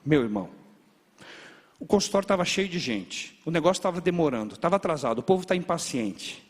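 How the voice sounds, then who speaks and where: Animated male pastor in a reverberant church. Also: a little high, a little fast. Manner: animated storytelling with sound words. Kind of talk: sermon. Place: large church. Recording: long reverb of a church hall. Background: hall reverb.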